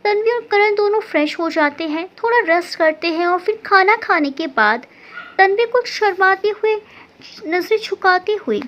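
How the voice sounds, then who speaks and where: A woman narrates a family story in an expressive, scripted reading. Her voice is very high and moves widely in pitch. The recording has a dull, lo-fi sound. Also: moderate pace.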